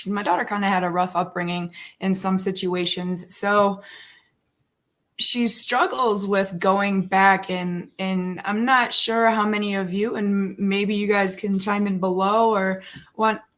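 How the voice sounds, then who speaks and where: A woman in her thirties with a rough morning voice, chatting casually and earnestly on a live stream. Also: mid-range voice, fairly even intonation, unhurried, a bit bright. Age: 30s. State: morning frog voice. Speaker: livestream host.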